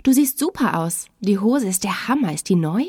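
A woman's voice: medium pitch, expressive, moderate pace, no echo, studio quality, lightly acted. A woman voicing a cheerful, caring young woman who chats eagerly with an old friend in a storybook reading.

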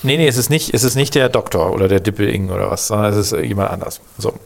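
A man's voice: fairly low pitch, fast talker, gravelly. A man co-hosting a podcast, telling a story in casual chat, rambling with many fillers and restarts. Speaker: podcast co-host.

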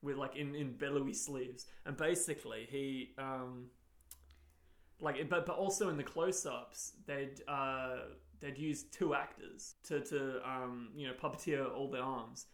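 A man's voice: mid-range voice, steady tone, unhurried. A man in a loose film chat. He rambles along in a mid-range voice. The sound is roomy and echoey. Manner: rambling, full of likes and sort-ofs. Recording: roomy echo.

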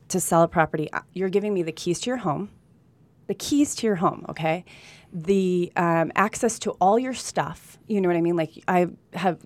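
Speaking earnestly and candidly as an interview guest, a Californian real estate agent who once lived in Colombia tells personal anecdotes in conversation. Her voice sits on the low side, a little mellow, with no echo.

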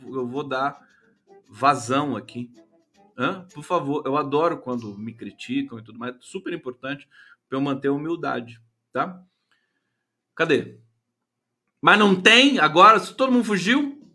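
Male stream host, mocking and animated, higher pitch. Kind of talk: casual political commentary.

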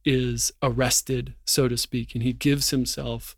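A man reading a storybook passage aloud in an earnest, expressive way, then reflecting on it in a Bible discussion. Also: medium pitch, measured pace, creaky, no room sound, clean studio sound.

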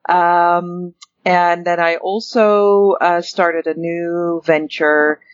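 A woman's voice: lowish voice, steady tone, extremely slow, no echo, highs cut off, faint music behind. A woman in her fifties from the Netherlands, a guest in a casual interview, talking in a rambling way with many ums and restarts. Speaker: guest, networking chapter director.

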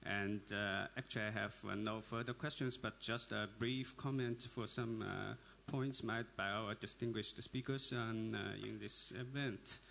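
Halting man commenting from the floor. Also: fairly low pitch, fairly even intonation, gravelly, fairly bright tone, slight background noise. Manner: halting, many filler sounds. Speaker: audience member at a panel.

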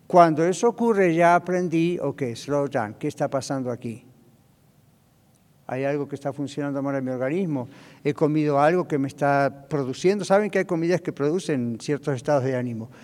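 Animated preaching man in a reverberant church. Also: a little high. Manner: animated preaching that mixes in English phrases and acts out quick inner dialogues. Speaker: pastor. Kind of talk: sermon. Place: church sanctuary. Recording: long hall reverb in a church.

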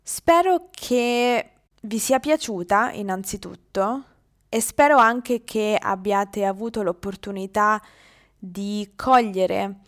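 A woman's voice: mid-range voice, slow. A woman with a Roman accent hosting a conversational podcast for language learners, as interviewer and presenter. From Lazio, Italy.

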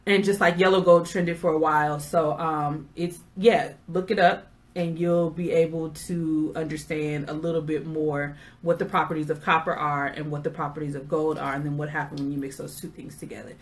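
A woman's voice: low voice, little pitch movement, moderate pace. A middle-aged woman hosting a casual chat, telling stories with sassy asides. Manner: chatty storyteller, sassy asides. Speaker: podcast host.

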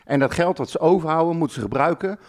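A man's voice: fairly high pitch, fast talker. An older man ranting bluntly in a casual podcast chat, swearing and getting worked up. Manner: blunt, swearing, fired-up rants. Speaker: podcast co-host, football fan.

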